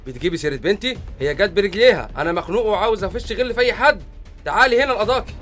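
A gruff, furious middle-aged Egyptian father, as a performer plays him, threatening and shouting in a comedy sketch. His Egyptian Arabic comes in rapid bursts over faint music. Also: medium pitch, lively intonation, lightly acted.

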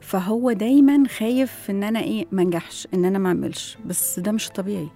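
An Egyptian woman speaks as an education expert on a talk show. Her voice is husky and mellow, and she talks very fast. She explains step by step and keeps asking rhetorical questions. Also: mid-range voice, soft background music. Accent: Egyptian Arabic. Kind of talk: explaining in an interview.

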